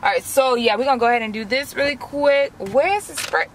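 A woman's voice: high voice, brisk, a little hiss or hum. A young woman, chatting to her viewers in a slangy, direct way while doing a face mask inside a parked car, recorded on a camera close in front of her. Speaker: vlogger.

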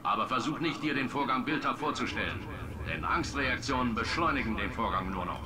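A man's voice: mid-range voice, animated, brisk, crowd noise, close to an everyday voice. A man voicing a brash eccentric company boss. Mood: matter-of-fact. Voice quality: cheerfully reckless, matter-of-fact about dangers. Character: brash eccentric male company founder on recorded announcements. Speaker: in-game announcer. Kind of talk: recorded game announcements. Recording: noisy game sound mixed in.

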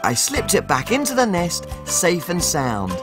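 An actor playing a tiny, excitable, cheerful cook, speaking in an exaggerated, animated children's TV storytelling manner. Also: male voice, high voice, unhurried, full character voice. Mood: eager. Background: music.

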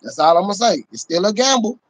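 A middle-aged Cowboys fan hosts a sports livestream, chatting casually in a slangy, sweary way and leaning on repeated catchphrases. His voice is high-pitched, sing-song and quick, recorded on a phone at close range in a small indoor room.

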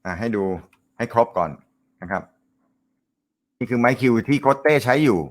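A man with a loud, carrying voice runs a casual live show. He jokes, laughs often and chats his way through viewer comments. His pitch sits in an ordinary middle range. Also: animated, moderate pace. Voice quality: naturally loud voice. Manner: joking, laughs often, chatty. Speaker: host of a snooker live show.

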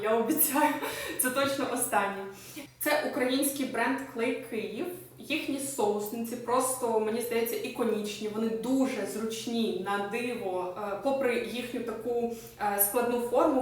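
A woman vlogger chatting enthusiastically as she shows things off, with many filler sounds along the way. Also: fairly high pitch. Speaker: lifestyle vlogger. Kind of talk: casual show-and-tell chat. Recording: echoey room, mic at a distance.

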